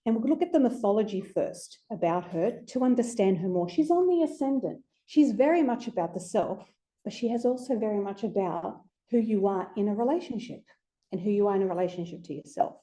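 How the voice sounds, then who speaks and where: A woman's voice: medium pitch, lively intonation, fairly quick, mellow. A woman giving an informal lecture to a group, chatty and conversational with playful asides. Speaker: astrology speaker presenting to a group.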